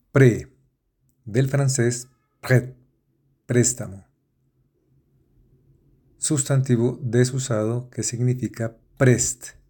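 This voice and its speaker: A man reading dictionary entries aloud in a measured way, spelling out how each word ends. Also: mid-range voice, mellow.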